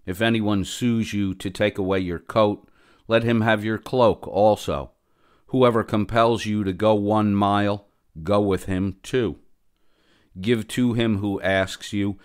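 A man with a very low, deep voice reads scripture slowly and solemnly. He takes his time and leaves long pauses between phrases. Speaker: scripture reader. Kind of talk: slow scripted Bible reading.

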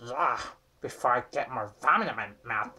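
A young man voicing a grumpy, foul-mouthed little toy penguin with a raspy, abrasive delivery. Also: mid-range voice, expressive, normal speed, pushed and bright, pitched below the performer's own voice. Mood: furious. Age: young adult. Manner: abrasive, sarcastic swearing. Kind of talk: amateur puppet comedy skit. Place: small bedroom indoors.

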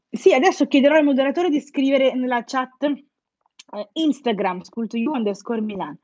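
A woman's voice: on the high side, a little mellow, dry recording. A woman teaching English as a playful, teasing host of a live quiz, chatting with her viewers. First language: Italian. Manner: playful, teasing, jokes with students. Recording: dull, lo-fi live-stream audio.

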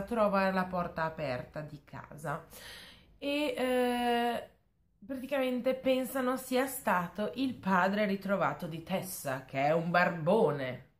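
A woman's voice: mid-range voice, roomy sound. A young woman casually reviewing a book she disliked, retelling it with sarcasm and exasperation.

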